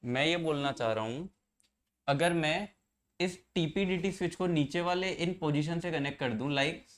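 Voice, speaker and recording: A man teaches an engineering class, walking through circuits step by step and quizzing his students along the way. His voice is fairly high and his pace moderate in this classroom lecture.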